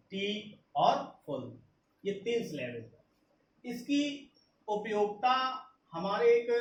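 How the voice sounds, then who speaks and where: A man with an Indian English accent, teaching an English grammar lesson slowly, repeating each point. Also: high-pitched. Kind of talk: slow classroom explanation, mixing Hindi and English. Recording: echoey room with faint noise.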